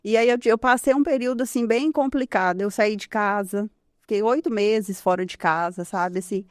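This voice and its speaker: A woman's voice: medium pitch, normal speed, no echo, clean studio sound. A woman in her thirties telling her personal testimony in an interview, earnest and conversational, often ending phrases with a questioning tag. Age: 30s. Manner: earnest, tells her story with frequent "né?" and soft laughs. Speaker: guest giving a testimony.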